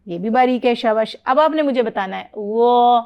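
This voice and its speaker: A woman's voice: on the high side, lively intonation, lo-fi sound. A middle-aged woman, teaching Quran reading and drilling letter sounds with a student. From Pakistan. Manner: patient, explanatory, models letter sounds clearly and praises.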